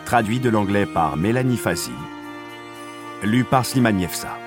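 A man narrating an audiobook in a measured, steady storytelling voice. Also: lowish voice, music in the background.

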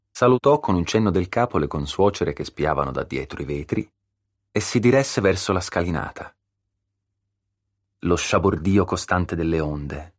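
Brief: very deep male audiobook narrator, measured and steady, dry close studio mic. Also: no echo. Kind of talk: scripted narration.

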